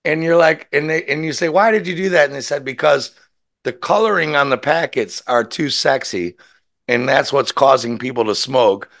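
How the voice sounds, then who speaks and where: A man's voice: mid-range voice, moderate pace, creaky, fairly bright tone. A man chatting casually and telling rambling anecdotes with quoted dialogue and free swearing, talking while smoking a cigarette. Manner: rambling storyteller who swears freely and acts out quotes. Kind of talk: casual chat, animated anecdotes.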